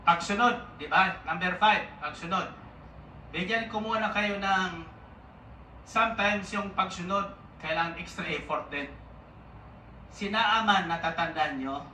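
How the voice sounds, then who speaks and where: A man preaching an animated sermon, telling stories and calling for answers from the congregation. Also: high-pitched, a little slow, pauses often, slight background noise. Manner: animated storytelling, calls for audience response. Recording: echoey hall, distant mic, faint ambience.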